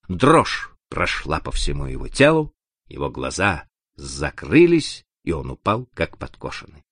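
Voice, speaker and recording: A man narrating an adventure audiobook in an expressive, dramatic reading. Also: lowish voice, dry recording, studio quality.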